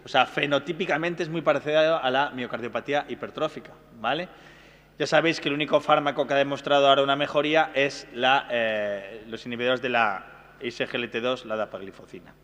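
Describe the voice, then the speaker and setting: A man teaching a brisk exam-prep medical lecture, often checking in with his listeners. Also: mid-range voice, steady tone, fairly bright tone, dull audio. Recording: hall reverb.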